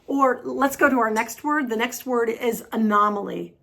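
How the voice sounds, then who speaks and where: A woman teaching English pronunciation, drilling words slowly and repeating each one carefully. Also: fairly high pitch, gravelly, a bit bright. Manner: slow, deliberate word drills with repetition. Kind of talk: pronunciation lesson.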